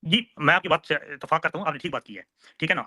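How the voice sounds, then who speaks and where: A man's voice: on the high side, racing, sharp tone, dry recording. A man in his twenties, a student in a debate, insistently asking to be heard. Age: 20s. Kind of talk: heated online debate.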